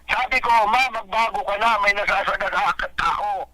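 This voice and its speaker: An older man calling into a radio program, telling his side in a rambling, halting, pleading way over a phone line. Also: sits high, pushed and bright. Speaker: caller.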